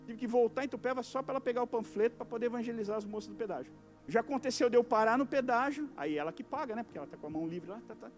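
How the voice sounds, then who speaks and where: A high-pitched male pastor with a Brazilian Portuguese accent delivers a lively evangelical sermon in church. He jumps between booming lines and near-whispers and acts out everyday conversations. Soft music lingers in the background. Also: rapid-fire. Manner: animated preaching, acts out little dialogues, swings from loud to soft. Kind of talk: evangelical sermon to a youth service. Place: church service.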